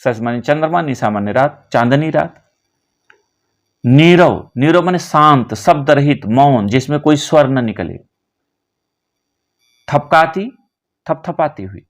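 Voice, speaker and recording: A man teaching a poem line by line, slowly glossing word meanings one by one. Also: a little high, expressive. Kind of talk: line-by-line poem explanation lesson.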